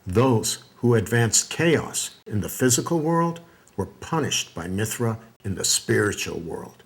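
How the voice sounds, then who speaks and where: Man narrating a documentary, measured. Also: fairly low pitch, very animated. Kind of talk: scripted narration.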